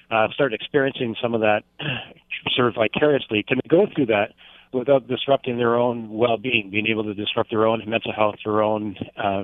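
Hoarse man on a phone line. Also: medium pitch, no echo. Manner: explanatory, long winding sentences. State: hoarse from a cold. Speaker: family therapist guest. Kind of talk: radio phone interview. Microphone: telephone.

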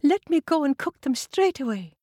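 A woman's voice: high-pitched, big pitch swings, no room sound, studio quality, pitched above the performer's own voice. A woman voicing a frail, kindly old woman who has been sick in bed. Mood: delighted. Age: older. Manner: soft, slow and grateful.

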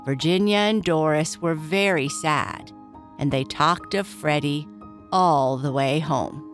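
A woman plays a big, kindly, cheery father from a children's bedtime story. The voice is low for a woman and takes its time, telling the tale gently over faint music. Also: slow pace. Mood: warm reminiscing.

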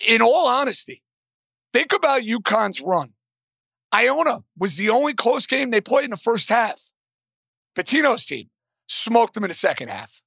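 A man hosting a sports betting show in a worn-out, hoarse smoker's rasp, emphatic and repeating phrases for punch. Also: high voice, pushed and bright, no room sound, clean studio sound. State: voice strained and worn out. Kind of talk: animated sports betting commentary. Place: casino in Las Vegas.

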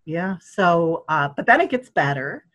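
Older woman, lively husky storyteller. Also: fairly low pitch, unhurried, dull audio. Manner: animated, acts out quoted voices, laughs often. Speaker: guest telling her birth story. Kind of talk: casual storytelling.

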